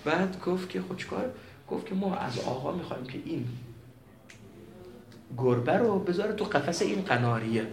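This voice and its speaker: Animated male seminary teacher, echoey room. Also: a little high, long pauses. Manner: storytelling, shifting between quiet and animated. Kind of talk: seminary lecture with anecdote.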